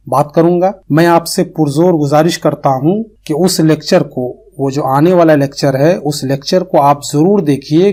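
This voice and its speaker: A man's voice: a little high, warm tone. A man with a Pakistani Urdu accent teaching tajweed in a recorded online lecture, earnest and explanatory, repeating his terms for emphasis.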